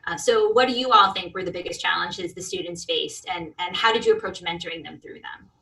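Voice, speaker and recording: A woman moderating a faculty panel over a video call, speaking in a measured way and putting questions to the panel. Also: lowish voice, expressive, creaky, sharp tone, rough recording.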